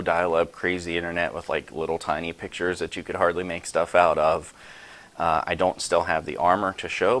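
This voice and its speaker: Casting note: forties male vlogger, very low voice, rambling, self-deprecating, casual show-and-tell. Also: fairly bright tone. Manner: chatty, self-deprecating, rambling asides with sound effects. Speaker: YouTube host showing his sword collection.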